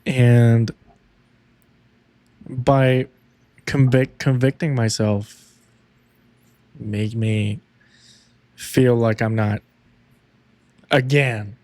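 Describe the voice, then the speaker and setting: A man co-hosting a faith podcast, talking in a halting, reflective way about his own struggles. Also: mid-range voice, fairly even intonation, darkish tone, no echo. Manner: slow, reflective, halting, with frequent "yeah" backchannels. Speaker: podcast co-host. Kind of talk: casual faith talk.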